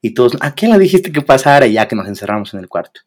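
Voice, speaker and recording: This fast-talking podcast co-host, a young man with a Mexican accent and a mid-range voice, recounts a story casually. Slang runs throughout, and he animatedly acts out what others said.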